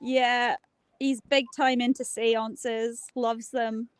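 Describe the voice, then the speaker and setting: Quite a high voice comes through on this video call, dry and close with no room around it. A woman chats casually on a livestream panel, jokey and quick to laugh, her talk rambling and friendly. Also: level tone, smooth, no echo. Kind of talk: casual chat.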